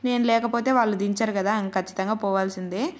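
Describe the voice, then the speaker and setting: A Rayalaseema-accented woman in her thirties tells her viewers about her household's day in an easy, homely way. Her voice sits at an ordinary middle pitch. It sounds like a relaxed, chatty vlog voice-over. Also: fast talker. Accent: Rayalaseema Telugu. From Andhra Pradesh, India. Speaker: vlogger and mother. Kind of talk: casual narrated vlog voice-over.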